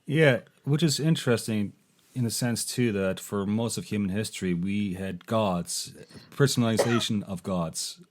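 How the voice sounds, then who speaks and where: A man's voice: on the low side, moderate pace, slight background noise. A man hosting a podcast in casual chat, stuttering and restarting his sentences often. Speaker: podcast host.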